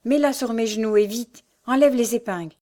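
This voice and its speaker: A woman voicing a tender, devout poor young mother in an audiobook, speaking gently and earnestly. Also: a little high, moderate pace, natural voice. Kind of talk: audiobook character voice.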